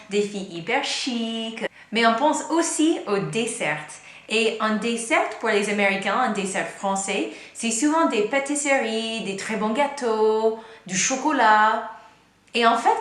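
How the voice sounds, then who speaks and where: A woman's voice: a little high, a bit bright. Chatty woman, strong American accent. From United States. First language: English. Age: young adult. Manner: chatty, often strings thoughts together with "donc". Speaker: YouTube vlogger. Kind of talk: casual direct-to-camera vlog. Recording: echoey room.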